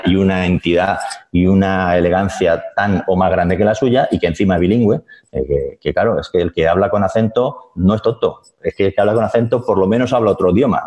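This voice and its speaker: Man, very deep voice, animated storytelling, slangy, restarts a lot. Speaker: journalist guest. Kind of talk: casual radio chat.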